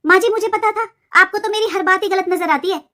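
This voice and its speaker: Cranky young wife in a cartoon, super high squeaky voice, always complaining. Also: female voice, brisk. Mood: indignant. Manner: sharp, sulky, grumbling. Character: nagging younger sister-in-law, resentful, complaining young wife. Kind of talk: cartoon voice acting.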